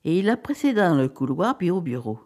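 Animated French woman reading aloud. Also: lowish voice, brisk. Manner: animated, dramatic. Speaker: narrator. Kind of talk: expressive audiobook reading.

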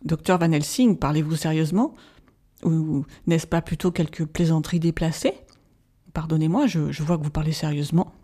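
A proud young nobleman , voiced by an audiobook narrator, speaks with heated indignation. The tone stays dark and mellow under the anger. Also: medium pitch, fairly even intonation, moderate pace, natural voice. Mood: wary.

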